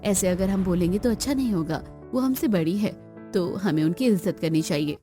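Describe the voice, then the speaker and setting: A woman voicing a gentle young sister-in-law in a cartoon, speaking softly and patiently. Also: fairly low pitch, expressive, fairly quick, faint music behind, close to an everyday voice. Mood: soothing. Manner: soft, soothing, patient. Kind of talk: Hindi cartoon voice acting.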